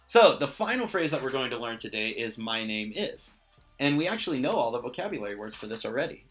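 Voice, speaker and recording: A man teaching a language lesson in a relaxed way, with many fillers and joking asides. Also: medium pitch, fast, soft background music. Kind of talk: casual lesson.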